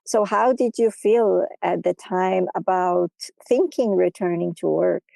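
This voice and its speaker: A woman hosts an interview, her voice gravelly and mellow, recorded dry and close. She asks her questions encouragingly and backs her guest with affirming murmurs. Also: lowish voice, measured pace, no echo, rough recording. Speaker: podcast host and program founder. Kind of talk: interview conversation.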